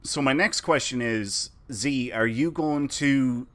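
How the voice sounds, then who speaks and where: A man's voice: medium pitch, takes it slowly, fairly bright tone. A man hosting a podcast who asks his co-hosts questions in a hesitant way, full of ums and uhs. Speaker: podcast host asking questions. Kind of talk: casual interview chat.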